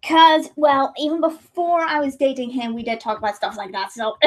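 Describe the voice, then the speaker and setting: While drawing on a livestream, a young woman chats casually at a moderate pace, wandering off topic and correcting herself. Her voice is high, and it has become slightly strained.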